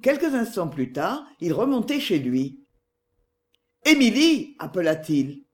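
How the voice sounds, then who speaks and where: An audiobook narrator reading a novel in scripted narration, with an expressive literary delivery. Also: medium pitch, moderate pace.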